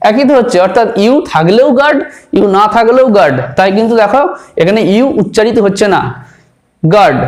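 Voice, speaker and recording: A man teaching English pronunciation, spelling words out letter by letter and repeating them slowly. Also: high voice. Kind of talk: explanatory spoken lesson.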